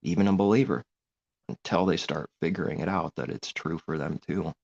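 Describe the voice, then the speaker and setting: A man's voice: deep voice, fairly quick, vocal fry, darkish tone, breathy edge. A man giving an informal religious monologue, earnest and rambling, on a muffled lo-fi recording. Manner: earnest, rambling, grows heated.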